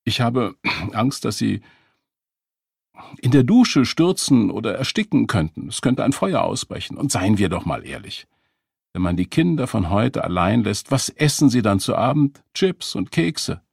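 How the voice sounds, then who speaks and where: A man's voice: lowish voice, very animated, measured pace, creaky, husky, dry recording, clean studio sound, pitched above the performer's own voice, heavily acted. A man voicing a smug, controlling man who lectures his date in a coldly reproachful way. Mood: lecturing.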